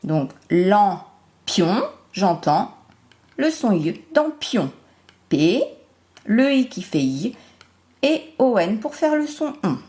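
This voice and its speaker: A woman teacher giving a remote phonics lesson to young children, slowly spelling out syllables and sounds. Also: on the high side, very animated, dark tone. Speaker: primary school teacher.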